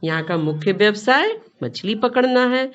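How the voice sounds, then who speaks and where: A woman's voice: medium pitch, animated, moderate pace, lo-fi sound. A woman teacher with an Indian Hindi accent, explaining a school lesson, often asking the class a question and repeating the answer. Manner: reads a line, then asks the class and repeats the answer.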